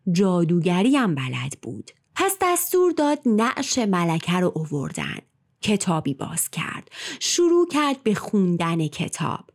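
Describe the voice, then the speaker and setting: A woman narrates an old folk tale in a dramatic storytelling manner. Her pitch swings animatedly, and she sometimes drops into a hushed whisper for effect.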